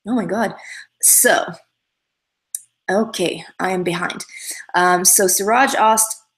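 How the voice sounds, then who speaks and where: On a casual livestream, a young woman who speaks Russian natively answers comments cheerfully, often restarting and using fillers. Her mid-range voice is slow and fairly bright. The audio is poor and roomy.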